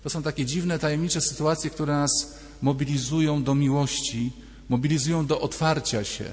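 Storytelling priest in a reverberant church. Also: male voice, fairly high pitch, steady tone, normal speed, a little mellow. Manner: storytelling, conversational, acts out dialogues. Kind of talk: sermon.

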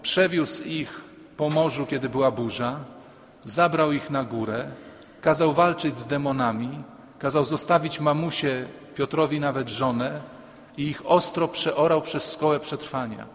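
A man's voice: a little high, a little slow. A man, a priest, preaching a sermon emphatically, repeating key lines and dropping humorous asides. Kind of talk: sermon to a congregation. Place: church. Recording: long church reverb.

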